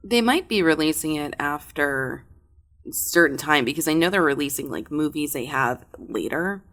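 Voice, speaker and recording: A woman's voice: low voice, expressive, moderate pace, a bit bright. A woman chatting casually on a podcast, hesitant with many ums and uhs. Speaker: podcast co-host.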